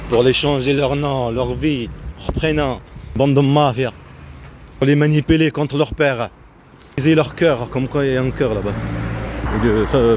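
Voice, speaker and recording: Outdoors near a road with passing vehicles, a man delivers a spontaneous, rambling monologue, repeating himself in fragmented phrases as his thoughts drift. His voice is medium-pitched with a darkish tone, and traffic noise fills the noisy street recording.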